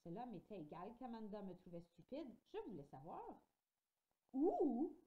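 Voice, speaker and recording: A woman reading a children's novel aloud at home, with expressive, lively storytelling, in a dull lo-fi recording. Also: medium pitch, a little fast. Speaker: audiobook reader.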